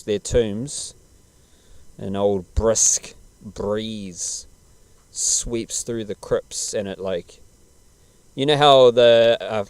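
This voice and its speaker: Low, smooth New man, casually chatting. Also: a little mellow, no room sound. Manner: laid-back, slangy, rambling. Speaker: podcast host. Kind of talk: casual podcast chat about television.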